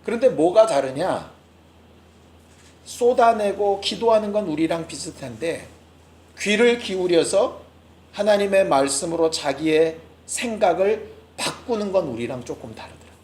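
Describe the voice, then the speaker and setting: Male pastor, very high voice, impassioned sermon, rhetorical questions, echoey church hall. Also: expressive, unhurried. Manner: impassioned, swings between loud rhetorical questions and quiet asides. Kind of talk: Friday prayer meeting sermon. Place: church sanctuary.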